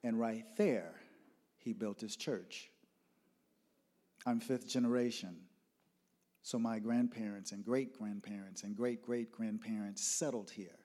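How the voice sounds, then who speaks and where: A man's voice: fairly low pitch, steady tone, measured pace, pauses often, warm tone. A man from Nashville, Tennessee, preaching a sermon as a guest speaker in a church, leading the congregation in prayer and telling stories with emphasis. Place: church sanctuary.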